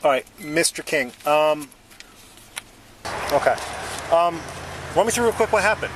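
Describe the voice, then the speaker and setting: A man's voice: on the high side, measured pace. Man questioning a driver on noisy bodycam audio. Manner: calm, procedural, repeats "okay" often. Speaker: police officer. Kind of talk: bodycam questioning at a crash scene. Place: outdoors by a car at a roadside. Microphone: body-worn camera.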